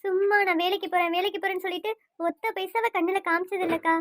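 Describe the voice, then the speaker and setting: A woman's voice: extremely high pitch, steady tone, fast talker, no room sound, clean studio sound. A woman voicing a heartbroken young wife in a cartoon, crying as she speaks about her husband's betrayal. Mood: grieving. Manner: tearful, sorrowful.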